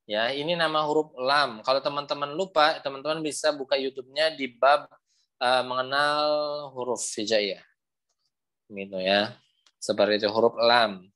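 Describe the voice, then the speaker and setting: A young man leads an online recitation class over a video call. He explains each point patiently, repeats himself often and draws out sample sounds slowly so learners can copy them. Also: mid-range voice, steady tone, sharp tone. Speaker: Quran recitation teacher.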